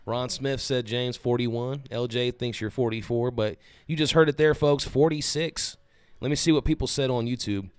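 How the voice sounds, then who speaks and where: A man's voice: mid-range voice, fairly even intonation, normal speed, smooth, no room sound, clean studio sound. A man in his early thirties co-hosting a live watch party, reading viewer comments aloud and calling the plays. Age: 30s. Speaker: show producer and co-host. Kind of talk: casual live chat and play-by-play.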